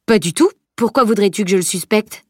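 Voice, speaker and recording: An awkward middle-aged police inspector, as a woman reading a storybook puts him on, friendly on the surface but a little unsure of himself. The voice lifts noticeably higher than the narration, and the recording is dry and close. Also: animated, brisk, darkish tone, slightly rough, no echo. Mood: probing. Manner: falsely friendly, slightly uneasy.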